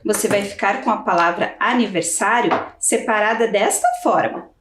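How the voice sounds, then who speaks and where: A woman's voice: medium pitch, normal speed, a bit bright, slight background noise. A Brazilian woman teaching a children's video lesson, giving patient step-by-step instructions. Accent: Brazilian Portuguese. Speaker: primary school teacher. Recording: roomy, from off the mic.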